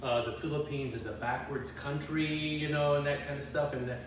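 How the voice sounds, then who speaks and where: A middle-aged man tells his life story in a relaxed interview, doubling back and restarting often. He is heard from a little way off in a very echoey room, with noticeable background noise. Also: fairly high pitch, a little fast, recorded from a distance. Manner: rambling, restarts often, chuckles now and then. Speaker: interview guest. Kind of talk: casual personal storytelling interview.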